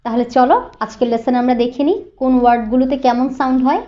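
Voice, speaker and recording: A woman's voice: high voice, quick pace, highs cut off. A woman teaching English pronunciation, spelling out words letter by letter and repeating each word several times. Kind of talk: slow spoken phonics lesson.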